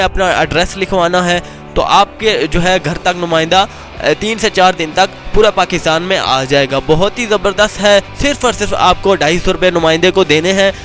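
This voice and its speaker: A Pakistani man with a notably high-pitched voice delivers a promotional pitch for a video channel. He sells insistently in teleshopping fashion, hammering key claims again and again, with faint music underneath. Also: a bit bright. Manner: insistent teleshopping-style selling, repeating key claims emphatically. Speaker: video channel host presenting product offers.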